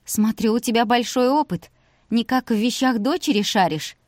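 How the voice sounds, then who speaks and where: A woman voicing a sharp, sarcastic young woman in a spoken audiobook, lifting her voice higher and pressing it when she argues. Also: moderate pace, no echo, studio quality, close to an everyday voice. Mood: dry sarcastic. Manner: sardonic, argumentative.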